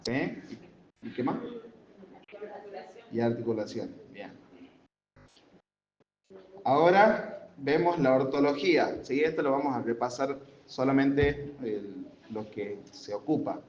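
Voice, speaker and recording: Slow, patient man teaching in a roomy hall. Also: medium pitch, expressive, a little mellow. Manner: keeps checking understanding with tag questions; patient, explains step by step with examples. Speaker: Sunday school teacher. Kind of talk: classroom grammar lesson. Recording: roomy, dull lo-fi with faint room noise.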